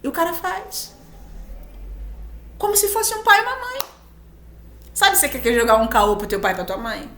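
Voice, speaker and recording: A Brazilian woman speaks with a Brazilian Portuguese accent in a fairly high, very lively voice, swinging her pitch as she teaches. Her spiritual talk is emphatic and she voices little quoted exchanges along the way. The sound carries a clear roomy echo. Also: moderate pace, pauses often.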